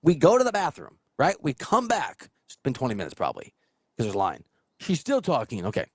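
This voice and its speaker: A man's voice: medium pitch, brisk, slightly rough, no room sound, studio quality. A middle-aged man telling a long story in casual chat, acting out quotes and laughing as he goes. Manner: animated, acts out quotes with laughs.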